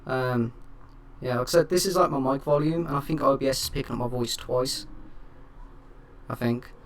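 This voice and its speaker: A man's voice: medium pitch, moderate pace. Half-robotic doubled voice of a young man. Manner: rambling, filler-heavy chatter. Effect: half-robotic, doubled voice from the mic being captured twice. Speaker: gaming streamer. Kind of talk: casual gameplay commentary. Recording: distant mic with loud background noise.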